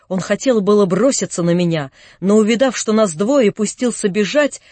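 A man reads a classic novel aloud in a measured, expressive way. His voice sits fairly high for a man. The recording is close and dry, with no room sound. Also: no echo. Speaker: audiobook narrator. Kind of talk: scripted literary narration.

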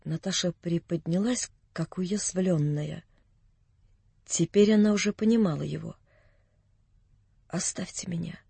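Male audiobook narrator, high-pitched, measured literary reading, dry close sound. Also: gravelly, mellow, slightly rough, no room sound.

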